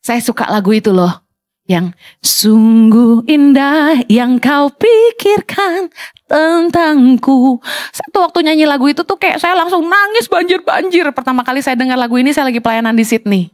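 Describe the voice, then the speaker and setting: A middle-aged woman pastor preaching a sermon, animated, acting out whiny petty prayers to mock them. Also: high-pitched, fast, no room sound, studio quality.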